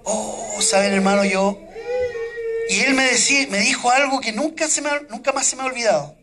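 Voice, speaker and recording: A man's voice: very high voice, fairly quick, a crowd in the background. A middle-aged man, preaching a sermon as pastor, telling personal stories earnestly and quoting his own prayers.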